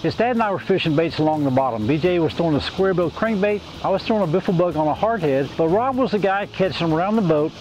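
An older man from Oklahoma giving a steady, folksy fishing report to camera by a lake. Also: on the high side, quick pace, hardly any pauses, a little hiss or hum, rough recording. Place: outdoors by a lake shore.

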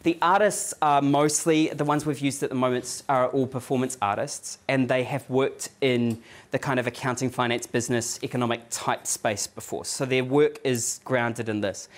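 A man with a New Zealand accent delivers a relaxed, conversational lecture to a live audience. He wanders through his points with restarts and fillers and often checks in with a quick "yeah?". His voice sits at an ordinary middle pitch. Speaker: guest lecturer. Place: office event space with a live audience.

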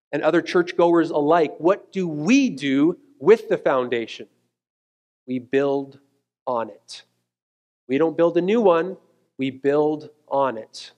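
Male pastor, 30s, on a church stage. Earnest emphatic sermon delivery, slightly high voice. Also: darkish tone. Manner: earnest, emphatic preaching with slowed key words. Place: church stage, mid-size room indoors.

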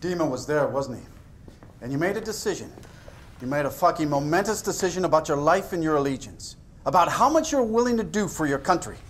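An actor playing an aggressive interrogator in a video game cutscene. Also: male voice, fairly high pitch, animated, moderate pace, a little hiss or hum, close to an everyday voice. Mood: pressing. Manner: pushy, confrontational.

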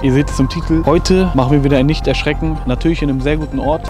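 A man's voice: a little high, fairly even intonation, rapid-fire, over music. A young man hosting a casual reaction vlog outdoors in a forest at night, joking nervously with street slang, recorded on a handheld camera. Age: young adult. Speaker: reaction video host. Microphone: handheld camera held by a friend.

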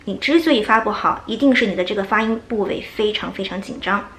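A woman whose first language is Chinese, teaching English pronunciation and slowly demonstrating sounds. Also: mid-range voice, a bit bright, slight background noise. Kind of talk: pronunciation lesson. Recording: echoey room with faint music.

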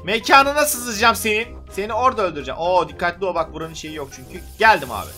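A man giving playful, excitable gameplay commentary, teasing and trash-talking other players as he builds and fights. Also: high-pitched, fast talker. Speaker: gaming YouTuber. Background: faint background music.

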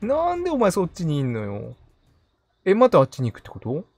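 Animated male game streamer. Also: a little high, fairly quick, faint music behind. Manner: playful muttering to himself, repeating short phrases. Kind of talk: live gaming commentary, casual.

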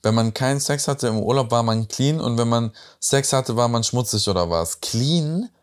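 A man's voice: medium pitch, normal speed, clean tone. A young man hosting a reaction video, commenting casually and teasingly on a reality show. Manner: chatty and teasing, tag questions.

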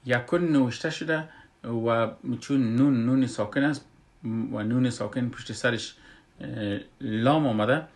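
A man with an Afghan Dari accent teaching Quran recitation rules, speaking slowly with many hesitant fillers and breaking into drawn-out chanted recitation. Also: medium pitch. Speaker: tajweed teacher. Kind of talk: slow explanatory Quran recitation lesson.

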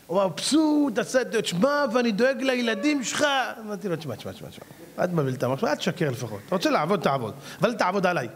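A man's voice: high voice, big pitch swings. A middle-aged man, a rabbi, telling a story in a sermon and acting out both sides of a conversation. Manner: acts out both sides of a dialogue with a salesman.

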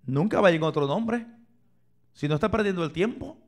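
A man preaching a sermon in a church, asking the congregation questions and swinging from loud cries to near-whispers. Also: sits high, animated, moderate pace. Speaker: pastor. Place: church sanctuary, filmed for online viewers.

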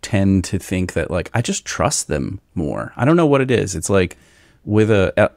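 Deep-voiced man from Kentucky. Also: very animated, moderate pace, creaky, a little mellow, dry recording, studio quality. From Northern Kentucky, US. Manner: rambling, chatty, with filler words. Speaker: podcast host. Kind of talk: casual chat.

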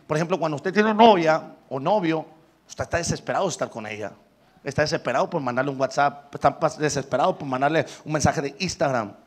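A male Pentecostal evangelist preaching a sermon, calling out to the congregation with frequent hallelujahs. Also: a little high. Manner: loud, call-and-response preaching with many hallelujahs.

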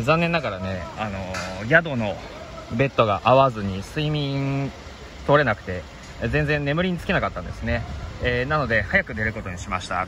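A man with a slightly low voice talks through his train journey in polite, unhurried speech, pausing often on filler sounds. He is outdoors on a city station platform, with clear street and traffic noise behind him. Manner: polite, leisurely, many filler pauses. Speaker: train-riding vlogger. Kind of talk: casual travel narration to camera.

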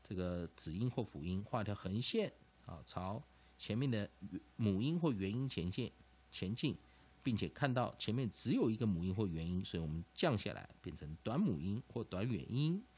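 A man with a low voice teaching English pronunciation to Chinese-speaking students. His pitch moves about a lot, and he fills pauses with little particles as he explains. He repeats each word slowly, drawing out the syllables. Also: very animated, a little mellow, slightly rough. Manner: repetitive, drawn-out syllables, frequent filler particles. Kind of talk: classroom lesson explanation.

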